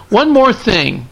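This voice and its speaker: High, lively man joking around. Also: gravelly, slight background noise. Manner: playful, joking, animated. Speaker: podcast co-host. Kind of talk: casual chat.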